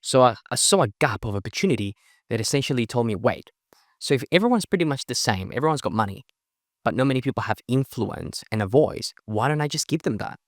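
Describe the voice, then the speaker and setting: A young man from Chile guests on a podcast, talking about his work organizing networking events in quick, emphatic, energetic casual interview style and leaning on "right?" tags. Spanish is his native language, and his accent mixes Spanish and Australian. His pitch is medium, and the recording is dry and studio quality.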